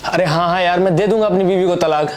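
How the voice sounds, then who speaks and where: A man's voice: sits high, fairly even intonation, fast, lightly acted. A man acting a jealous married lover who argues irritably with his pregnant girlfriend. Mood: irritated. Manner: irritated, argumentative. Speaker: actor. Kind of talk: Hindi web skit acting.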